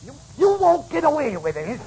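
A high, animated, blustering frontier assayer, irritable and defiant. It is radio western acting on a noisy old recording. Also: male voice, normal speed, creaky, full character voice. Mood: indignant. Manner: indignant, blustering.

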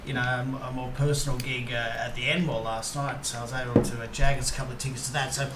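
Give me an Australian man as a relaxed, chatty co-host. He sits away from the mic in an echoey room, with clear background noise around him. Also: medium pitch, fast talker, far from the mic. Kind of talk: casual chat.

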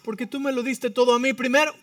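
A male pastor in his thirties delivers a lively sermon and keeps checking in with his listeners. His voice sits high for a man. The sound is dry and picked up from a bit away from the mic. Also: fast, no room sound, far from the mic. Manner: animated preaching, frequent "¿sí?" check-ins.

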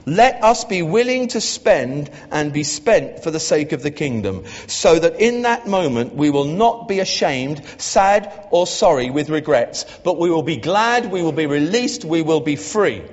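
A man's voice: fairly high pitch, animated, measured pace, hardly any pauses. A man preaching a sermon as the new church officer, earnest and emphatic, leading the congregation in repeating lines. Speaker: pastor. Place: church hall. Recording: muffled echoey church hall.

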